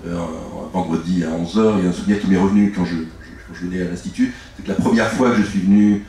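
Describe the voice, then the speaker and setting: At a live book talk, a middle-aged native French-speaking author answers at length, halting and rambling with frequent restarts. His low, steady, mellow voice carries vocal fry. The mic sits far off in an echoey room, with faint ambience and slight background noise.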